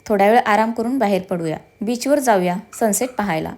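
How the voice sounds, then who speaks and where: A woman's voice: medium pitch, a little fast, darkish tone, lightly acted. A woman voicing a playful, teasing young husband in a told story, joking with his wife.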